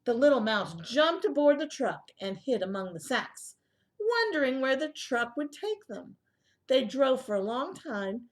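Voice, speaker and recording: An early childhood storyteller with a higher voice reads a picture book aloud to young children. She's expressive and child-directed, stopping to ask her listeners questions and adding asides along the way.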